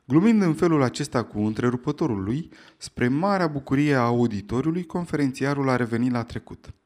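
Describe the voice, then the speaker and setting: Male audiobook narrator, steady telling. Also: mid-range voice. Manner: steady storytelling delivery.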